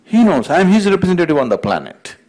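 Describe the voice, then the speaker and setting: Man voicing an offended pope, high and pushy, indignant protests. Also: big pitch swings, quick pace, darkish tone. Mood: distraught. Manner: outraged, insistent, high-pitched protests. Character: indignant pompous male pope at heaven's gate.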